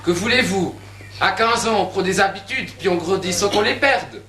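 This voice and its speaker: A man's voice: high voice, moderate pace, bright, forceful tone. A man playing a lazy, scheming young man who speaks in a wry, mocking monologue, in an amateur stage comedy. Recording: echoey stage.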